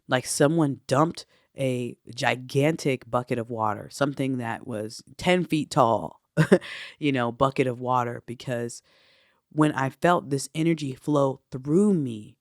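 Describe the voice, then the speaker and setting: A man, a spiritual teacher, telling a personal spiritual story in a reflective way, often filling pauses with "you know". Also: mid-range voice, gravelly, no room sound, clean studio sound.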